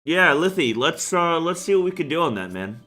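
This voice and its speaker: The young man's voice sits on the high side here, very animated and sharp-toned at a normal speed. It's casual live-stream chat during a game, rambling and filler-heavy, and he gets worked up mid-rant while faint music plays behind.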